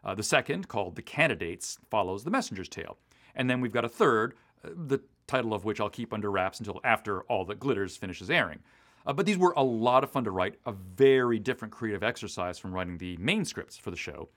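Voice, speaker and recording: An American man who co-hosts a podcast and writes audio drama talks conversationally and a little fast. His pitch roams freely, giving his clear, articulate explanations a lively shape.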